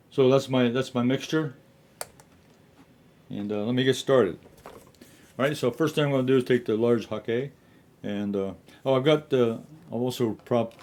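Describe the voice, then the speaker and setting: A man giving a casual watercolor painting tutorial in his studio, speaking haltingly and often repeating himself. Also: mid-range voice, darkish tone.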